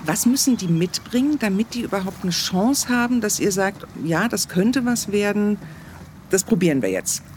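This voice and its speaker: A woman's voice: mid-range voice, animated, normal speed, a little mellow, a little hiss or hum. A woman hosting a podcast, asking questions in a conversational interview style. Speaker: podcast host, military editorial reporter.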